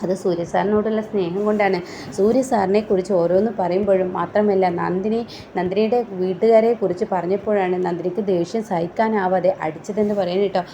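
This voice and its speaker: A woman's voice: medium pitch, steady tone, brisk, warm tone, slight background noise. A woman casually recapping a serial's plot for her listeners, chatty and talking straight to them. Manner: chatty, keeps addressing listeners with tag words.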